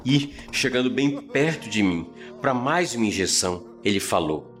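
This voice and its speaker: A man narrating a scripted story podcast as its host, with a measured, theatrical delivery. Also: mid-range voice, animated, fairly bright tone, soft background music. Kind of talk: dramatic first-person scripted narration.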